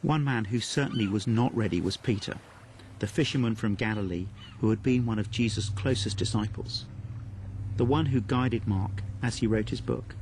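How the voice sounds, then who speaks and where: A man presenting a scripted Bible teaching talk in an earnest, measured, reflective manner. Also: lowish voice, a little mellow, slight background noise.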